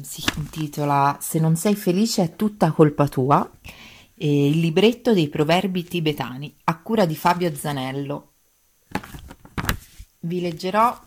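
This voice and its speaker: A woman introducing herself and calmly reading proverbs aloud on a radio show. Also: low-pitched, slow pace, noisy background. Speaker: guest reader.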